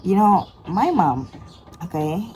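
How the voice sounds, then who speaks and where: A young woman vlogger telling a personal story in a casual, chatty way, full of fillers, with sudden animated outbursts. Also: lowish voice, slow pace, slight background noise, poor audio.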